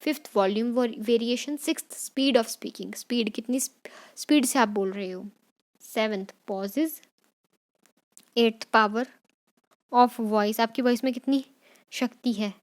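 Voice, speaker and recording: Casting: woman teacher, a touch high-pitched, revising exam answers, mixing Hindi and English, repeating key points. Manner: dictates English definitions slowly.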